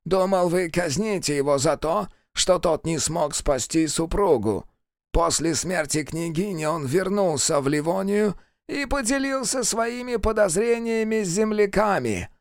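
A man playing a cunning male ambassador in an audiobook, speaking in a hoarse, quiet, insinuating voice. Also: high-pitched, lively intonation, unhurried, no echo, clean studio sound, voice pushed up. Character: cunning male foreign ambassador, pinned and choking.

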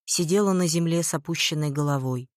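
Calm even story narrator, middle pitch, dry sound no room. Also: a little fast, dry recording.

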